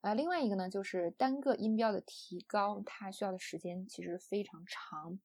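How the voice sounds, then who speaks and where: Mellow-voiced Chinese woman teaching pronunciation. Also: mid-range voice, normal speed, no echo, studio quality. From China. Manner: patient, explanatory, with many "啊" and "呃" fillers. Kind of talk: online audio lesson.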